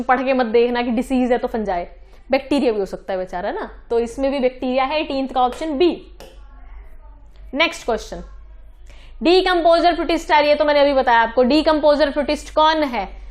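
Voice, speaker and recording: High-voiced woman teaching exam biology. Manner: mixes English terms into Hindi, quick self-corrections. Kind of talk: exam-prep lecture solving questions.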